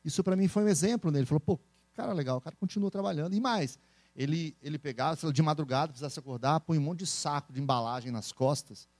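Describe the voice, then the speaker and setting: A man with a Brazilian accent, a speaker and entrepreneur, telling stories in a casual interview with animated laughter. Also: a little high, no echo. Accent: Brazilian Portuguese. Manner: animated, laughing, quick storytelling.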